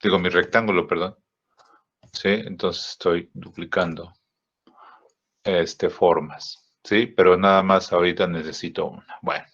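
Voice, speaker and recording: Guy teaching a software class, low voice, slow and halting, dull muffled audio. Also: fairly even intonation. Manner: slow, halting, many fillers and rhetorical checks. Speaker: design teacher. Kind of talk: software tutorial lesson.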